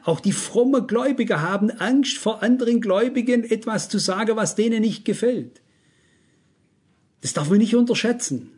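A man's voice: sits high, normal speed, a little mellow. A middle-aged man preaching a sermon, emphatic and turning to his listeners with rhetorical questions.

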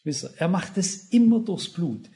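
An older man preaching a sermon, lively, often turning to his listeners with questions. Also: high voice, normal speed.

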